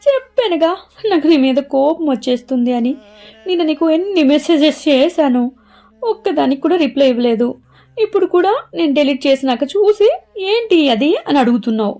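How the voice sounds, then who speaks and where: A woman's voice: sits high, dark tone, pitched above the performer's own voice. A woman voicing a sulky, pouting young woman in love who scolds and pleads.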